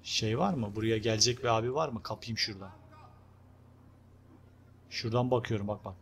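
A young man casually commenting on his own gameplay, chatty and excitable, talking to his viewers and urging on the game character. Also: lowish voice, fairly quick, a little hiss or hum. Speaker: gameplay video host. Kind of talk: casual let's-play commentary.

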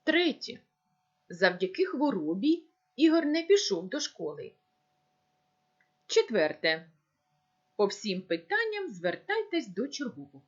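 A woman teacher giving a recorded school lesson, dictating slowly and stressing each word with care. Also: a little high, sing-song, muffled recording. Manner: slow, deliberate dictation with careful stress.

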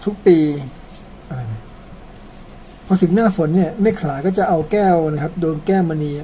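Moving at a moderate pace, a man from Thailand recounts an old epic in a high-sitting, dark-toned voice, with slight background noise. As a storyteller he's casual and chatty, using polite sentence particles and weaving in personal asides.

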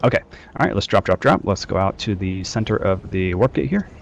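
Running a game training session for his squad over group voice chat, a man gives loose instructions with many fillers. His voice is deep with vocal fry, his pace brisk, and there is slight background noise.

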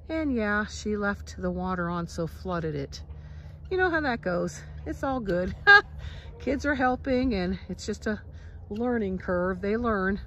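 A Midwestern woman filming a chatty, excitable walkthrough of her homestead greenhouse on her phone, with lots of fillers. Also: mid-range voice, slight background noise. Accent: Midwestern American. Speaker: homesteader vlogger. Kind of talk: casual walkthrough tour. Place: outdoors on a farm, in and around a greenhouse. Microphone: handheld phone camera.

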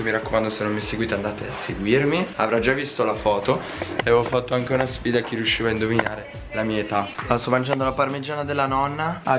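Young man vlogging while sick. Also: medium pitch. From Italy, Verbania. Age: 20s. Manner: slangy, animated address to viewers. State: sick with a cough and affected voice. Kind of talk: casual vlog chat to camera. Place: home rooms and a covered outdoor terrace. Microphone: camera at arm's length or on stand. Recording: roomy, distant camera sound, background noise and music.

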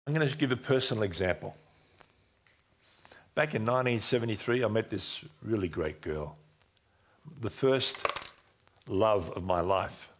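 An older man preaching from a seated position on a dim church stage, speaking through a headset mic. His voice sits fairly low and turns conversational and personal, with animated gestures and a habit of dropping quiet and low to stress a point. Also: a little slow, pauses often. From Australia. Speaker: pastor. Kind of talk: seated sermon with personal story.

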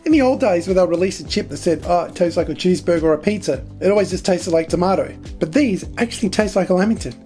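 A man hosting a casual food review, with deliberate emphasis and rhetorical questions. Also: high-pitched, expressive, mellow. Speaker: snack reviewer and host. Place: small foam-treated studio indoors. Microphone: close desk microphone. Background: background music.

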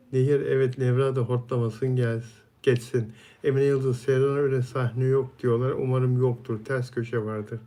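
A man's voice: medium pitch, mellow. Chatty man reading live comments. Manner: friendly, chatty, answers viewers by name. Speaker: live stream host. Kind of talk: casual live chat, reading viewer comments aloud.

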